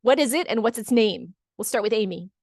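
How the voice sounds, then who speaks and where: On an online video call, a middle-aged Californian woman moderates a casual webinar chat, reading audience comments aloud, cheering people on, and echoing their answers. She sounds expressive and fairly quick, her high-ish voice darkish in tone, captured as clean studio sound with no echo.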